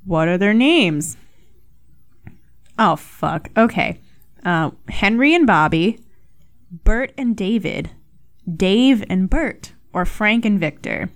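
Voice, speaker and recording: A woman's voice: mid-range voice, expressive, slow pace, long pauses. Young woman host, mid-range voice, loose and rambling, cursing and laughing at herself. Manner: rambling, profane, self-mocking. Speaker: podcast host. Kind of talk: casual solo podcast chat.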